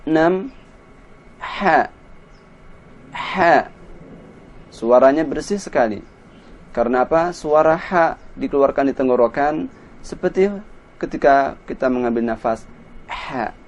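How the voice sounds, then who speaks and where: A man's voice: mid-range voice, highs cut off. A man teaching Quran pronunciation, patiently drilling letters and syllables one by one. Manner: patient, spells sounds out slowly and repeats them. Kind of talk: slow tajwid lesson with drilled syllables.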